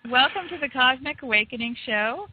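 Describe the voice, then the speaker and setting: A woman's voice: high-pitched, animated, brisk, slight background noise. A woman hosting a casual talk show, playful, reading aloud and laughing easily. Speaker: host. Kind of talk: casual internet radio talk. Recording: tinny phone-line audio.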